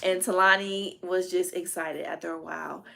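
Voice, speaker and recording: A woman in her thirties talks casually to her live-stream viewers. She is chatty and animated, often breaking into the voices of her family as she tells the story. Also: on the low side, normal speed, gravelly. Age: 30s. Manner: chatty, animated, acts out family members' lines. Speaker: vlogger.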